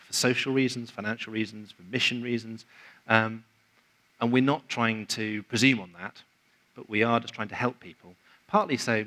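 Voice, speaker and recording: A man's voice: medium pitch, pushed and bright, rough recording. A man giving a conversational, explanatory presentation at a conference, acting out quoted remarks along the way. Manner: conversational, explanatory, quotes others in acted asides. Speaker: conference speaker. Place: conference venue.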